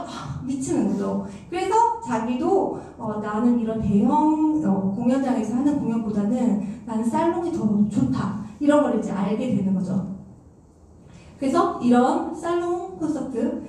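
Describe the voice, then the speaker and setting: A woman giving a lively music lecture, telling stories and acting out what people said, with a chatty manner. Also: sits high. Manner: animated, acts out quoted remarks, chatty fillers. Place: large concert hall. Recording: echoey hall, voice from far off.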